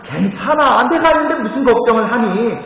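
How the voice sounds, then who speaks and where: A man's voice: extremely high pitch, lively intonation, fairly quick, gravelly, pitched above the performer's own voice, full character voice. A man voicing a stern father from a parable who keeps coaxing and urging his son. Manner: coaxing, insistent. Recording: echoey hall, thin phone-like sound.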